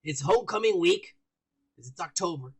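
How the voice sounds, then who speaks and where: An American podcast co-host with a raspy, gravelly voice and high, lively pitch talks at a moderate pace in casual chat. Drinking as he goes, he sounds high and loose, rambling through crude, profane talk.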